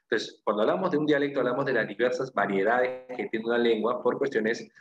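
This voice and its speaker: A Peruvian man with a Peruvian Spanish accent teaches a language class in a classroom lecture, walking through things step by step, repeating key phrases, and often checking in with "¿no?" and "¿ok?". His voice is medium in pitch and fairly quick. The recording is muffled and roomy, with music playing in the background.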